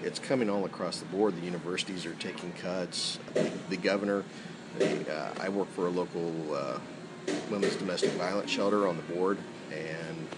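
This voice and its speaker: A man's voice: low voice, fairly even intonation, moderate pace, very noisy. A man with an American accent co-hosting a radio panel, giving conversational commentary and rephrasing as he goes.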